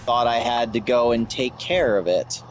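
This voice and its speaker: A man's voice: mid-range voice, normal speed, slight background noise, low-quality recording. A man chatting casually with a friend while playing video games.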